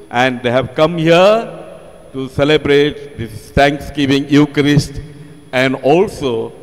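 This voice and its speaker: Older priest at a pulpit microphone, slow. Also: male voice, medium pitch. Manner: slow, measured, formal. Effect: speaking at a pulpit microphone over the church speakers. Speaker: parish priest. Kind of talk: welcome address at a Mass. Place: large church. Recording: long church reverb from the sound system.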